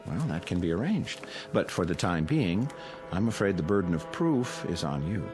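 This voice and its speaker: In an audio drama, an actor with a deep, expressive voice plays a calm, condescending male psychiatrist at a mental institution. Measured and intellectual, he patronizes with a veiled threat as his pitch rises and falls. Music is clearly audible behind him.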